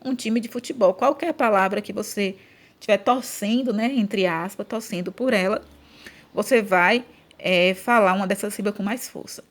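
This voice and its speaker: A woman's voice: mid-range voice, moderate pace. A woman with a Brazilian Portuguese accent teaching a grammar lesson for children, speaking patiently and stretching out syllables when she chants example words.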